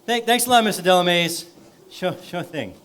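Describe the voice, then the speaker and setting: A man's voice: high-pitched, lively intonation, normal speed, fairly bright tone. A man playing an eager, wisecracking comic. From New York. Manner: brash, wisecracking showbiz patter. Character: eager small-time male comic, hopeful and chatty. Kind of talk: stage play acting.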